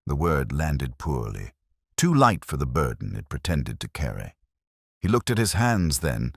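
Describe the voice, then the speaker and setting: A man performs a melancholy police inspector in an audio detective drama, with an extremely deep voice. He narrates in measured, formal, brooding sentences, his pitch rising and falling expressively in a dry, close recording. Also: no echo, exaggerated voice. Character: melancholy, cerebral English police inspector recounting a murder case. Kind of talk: literary first-person detective narration.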